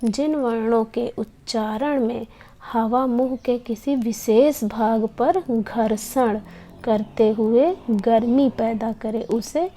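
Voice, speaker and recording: A woman's voice: fairly high pitch, takes it slowly, mellow. A woman teaching a Hindi lesson, patiently explaining and sounding out each consonant one by one. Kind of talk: slow classroom explanation.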